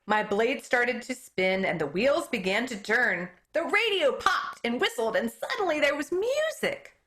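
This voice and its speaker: Reading a children's book aloud, a female elementary school teacher tells the story expressively in a voice on the high side, going a little slowly. Hard names trip her up, and she remarks on them.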